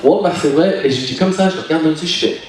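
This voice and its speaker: A young man from France performing stand-up comedy, chatty and animated, now and then putting on character voices. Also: fairly high pitch, very fast. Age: young adult. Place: live comedy venue, audience. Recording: echoey hall, far mic, crowd laughing.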